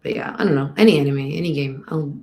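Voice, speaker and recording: Young woman, low gravelly voice, congested, slight lisp, rambling casual Q&A chat. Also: quick pace, mellow. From Texas. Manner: chatty, rambling, many ums. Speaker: band singer answering fan questions.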